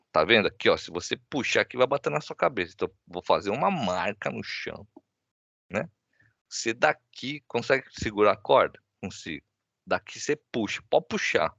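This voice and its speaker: A lower-voiced man with a gravelly edge tells a family story in a casual, animated way. He keeps asking "né?" and acts out the lines himself. His voice sounds dry and dull, as if it comes over a lo-fi video call. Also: dry recording. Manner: animated anecdote, many "né?" tags, acts out his child's lines. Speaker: guest speaker.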